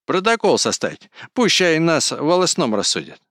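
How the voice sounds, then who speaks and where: A man voicing a hot-tempered peasant man who screeches and shouts quarrelsomely. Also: a little high, sing-song, normal speed, no room sound, studio quality, voice pushed up. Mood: ranting.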